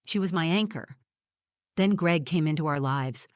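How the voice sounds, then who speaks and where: A woman in her forties giving a measured, reflective first-person narration of a scripted story. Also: low-pitched, no echo, clean studio sound.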